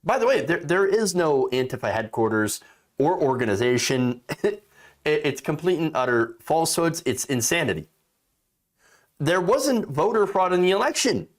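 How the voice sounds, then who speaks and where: An indignant man delivers political commentary in a fairly high voice for a male. His pitch swings in a lively way as he leans hard on key words, often repeating them. He sounds like a host arguing his opinion directly to listeners. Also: normal speed. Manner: emphatic, indignant.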